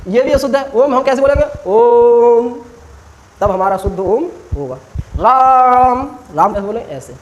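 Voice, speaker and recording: A man's voice: high-pitched, big pitch swings, quick pace, few pauses, darkish tone, muffled recording, a little hiss or hum. A man teaching a classroom grammar lesson, quizzing students with short questions and stretching vowels out to demonstrate.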